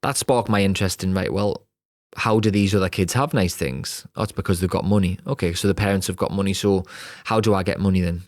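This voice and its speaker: Speaking low and a bit quickly on a dry recording, this Newcastle-born man in his thirties hosts a podcast with a Geordie accent. He shares his personal story frankly, in a streetwise manner, with the occasional laugh breaking into a sentence.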